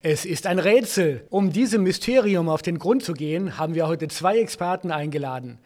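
A man playing a sly Victorian host in a scripted history podcast, smooth and teasing. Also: a little high, lively intonation, normal speed, darkish tone, natural voice. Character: sly Victorian host, man, posing as a ghostly old partner.

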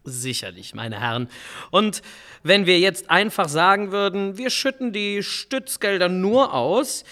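In a scripted history role-play podcast, a man plays a guest expert: a stern Victorian economist and government adviser. He lectures in a bright, fairly high voice with lively intonation and wide pitch swings, setting out his case at a measured pace with total self-assurance. The performance is heavily acted.

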